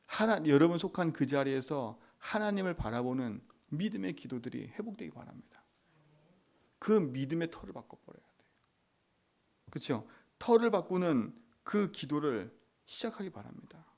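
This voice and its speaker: A man's voice: fairly high pitch, sing-song, normal speed, gravelly, a little mellow. A middle-aged male pastor preaching at a dawn prayer service, emphatic, with rhetorical tag questions and whispered prayers.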